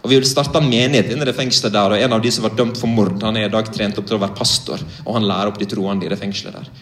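A man's voice: on the low side, fairly even intonation, reverberant. A young man from Norway preaching, telling a vivid, earnest story in a direct way. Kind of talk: sermon testimony.

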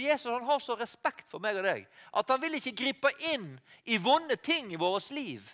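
Animated high-voiced Norwegian preacher. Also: male voice. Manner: animated preaching, rising to loud cries, with restarts and self-corrections. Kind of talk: sermon.

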